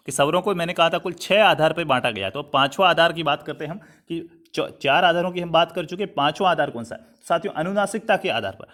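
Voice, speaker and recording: A man's voice: on the high side, a bit bright. A man from Rajasthan, India, teaching a Hindi grammar class online, repeating points and checking in with his students as he writes on a digital board. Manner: repetitive, checks in with "thik hai" often; addresses students as "saathiyon" and "bhai". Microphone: writing on a digital board while talking.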